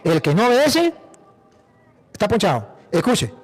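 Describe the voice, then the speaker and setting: A priest from Venezuela with a Venezuelan accent, preaching emphatically, repeating phrases and asking rhetorical questions. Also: male voice, high-pitched, wildly swooping pitch, measured pace. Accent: Venezuelan Spanish. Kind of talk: apologetic preaching.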